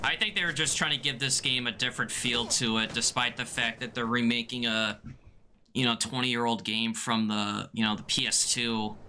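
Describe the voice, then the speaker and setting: A man with a medium-pitched voice commentates casually on a gaming stream. He talks in a loose, rambling, conversational way, with clear noise behind him. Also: steady tone, normal speed, bright, forceful tone. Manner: conversational, rambling, frequent "you know". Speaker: speedrunner commentating on a game run. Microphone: headset.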